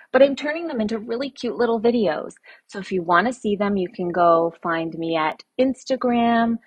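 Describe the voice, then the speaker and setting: Breathy woman, podcast host, gentle playful storytelling, reading a rhyming kids' poem, dry close sound. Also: medium pitch, no room sound. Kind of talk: reading her own rhyming children's poem.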